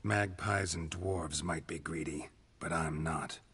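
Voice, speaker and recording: An actor playing a terse, grizzled monster hunter in a video game, speaking curtly and deadpan. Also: male voice, rumbling low, takes it slowly, breathy edge, full character voice. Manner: curt, deadpan, clipped. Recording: game audio over outdoor ambience.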